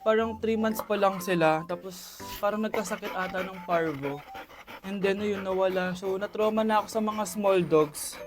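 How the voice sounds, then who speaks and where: Chatty Filipina vlogger. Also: female voice, mid-range voice, normal speed. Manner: chatty, switches into English, coos at her dog. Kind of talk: casual vlog narration.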